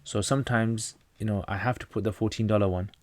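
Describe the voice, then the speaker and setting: This fast talker is a low-voiced native Pashto speaker from North Pakistan, reading out and answering viewers' questions on a relaxed livestream. He keeps it plain and often starts over mid-sentence; the audio is close-miked and dry, free of room echo.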